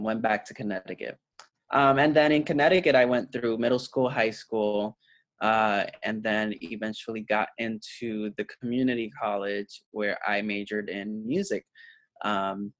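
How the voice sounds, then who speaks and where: A middle-aged man from Puerto Rico, an educator guest talking casually in an interview, pausing often with fillers and restarts. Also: mid-range voice, no echo. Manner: hesitant, many fillers and restarts.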